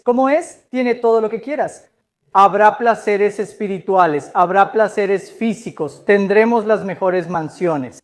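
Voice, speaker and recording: A woman's voice, sitting somewhat high, delivers a dubbed talk as a guest speaker at a church gathering. She explains each point in a measured, earnest way and takes questions from the audience. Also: a little mellow.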